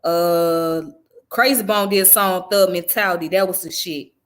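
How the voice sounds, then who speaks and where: This is a casual commentary vlog from a channel host who grew up in the American South, speaking in a blunt, profane, conversational way. Her voice is lowish, her intonation fairly even, and her speed normal.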